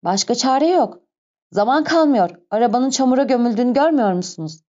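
A woman voicing an urgent, commanding gentleman. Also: a little high, expressive, brisk, voice pushed up, natural voice. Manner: urgent, pressing. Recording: dull lo-fi recording.

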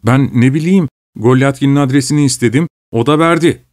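A man's voice: medium pitch, fairly quick, darkish tone, no echo, pitched above the performer's own voice, close to an everyday voice. A man reading aloud and voicing a drunk, insolent male servant who repeats himself stubbornly; dry, close recording. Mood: obtuse.

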